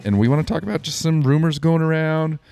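A man with an American accent co-hosting a casual sports podcast, his voice slightly hoarse and giving out. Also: fairly high pitch, quick pace, a little mellow, no echo, soft background music. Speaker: podcast co-host.

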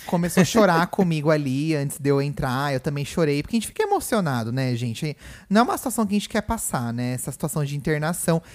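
Um homem com sotaque brasileiro, co-apresentador de podcast, conversando de forma casual num quarto de hospital e contando tudo com emoção. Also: male voice, a little high, animated, fast talker, hardly any pauses. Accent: Brazilian Portuguese. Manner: chatty, emotional storytelling full of "né" and "gente". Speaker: podcast co-host. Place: hospital room.

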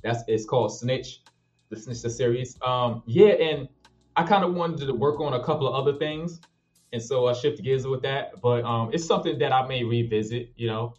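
A man's voice: medium pitch, moderate pace, a little mellow, lo-fi sound. A man who acts and makes films, talking casually about his projects in a laid-back, slangy way. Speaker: actor and filmmaker guest. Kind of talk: casual interview chat.

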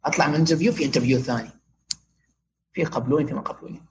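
A man's voice: on the high side, fast, slight background noise. A young Omani man telling personal stories casually as an interview guest, his Omani Arabic sprinkled with English words. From Oman. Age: young adult.

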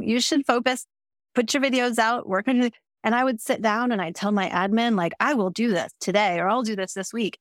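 A woman hosting a podcast conversation with a thoughtful, empathetic manner. She asks open questions at an ordinary pitch. The recording is close and dry. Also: no echo. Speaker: podcast host. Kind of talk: conversational interview.

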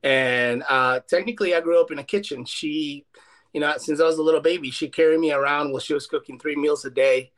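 Laid-back chef from Ecuador. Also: male voice, a little high, a little fast, fairly bright tone. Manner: laid-back, enthusiastic, many fillers. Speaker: chef guest. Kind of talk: casual interview chat.

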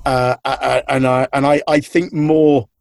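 A man who is a writer and comedian gives opinions in an interview clip, halting and restarting often. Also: mid-range voice, little pitch movement, gravelly, dry recording, clean studio sound.

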